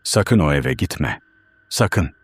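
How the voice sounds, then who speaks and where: Brief: battered old exorcist giving urgent, breathless warnings in a low, hoarse voice, read by a male storyteller, close and dry. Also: expressive, takes it slowly, no room sound, full character voice. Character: wounded, exhausted older male exorcist teacher.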